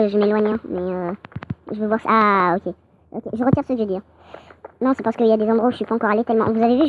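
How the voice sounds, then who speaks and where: A woman giving excitable, chatty gameplay commentary, her voice sped up and pitched higher. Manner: excitable, chatty, frequent exclamations. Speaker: game channel host. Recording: dull lo-fi audio with clear noise.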